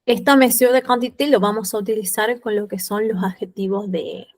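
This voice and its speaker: In a mid-range voice with fairly even intonation, a woman teacher walks an online class through French vocabulary. She is slow and patient, repeating every word in French and then giving its Spanish meaning.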